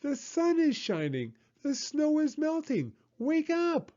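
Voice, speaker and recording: A man reading a storybook aloud who voices an eager, excited male frog in a high voice, calling out to his sleepy friend. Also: slow pace, muffled recording, exaggerated voice. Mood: excited shouting.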